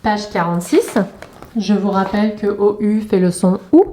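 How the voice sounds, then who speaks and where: With a steady tone at medium pitch, a woman primary teacher walks her young pupils through an exercise for remote learning, and background noise is audible. She slowly and carefully spells out each sound and letter.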